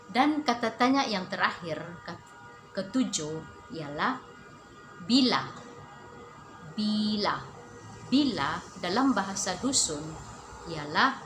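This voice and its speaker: Slow, echoey woman teacher. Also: lowish voice, pushed and bright. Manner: repeats each word slowly, with a rising stress on the local terms. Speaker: language teacher. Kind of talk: slow spoken lesson. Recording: echoey room.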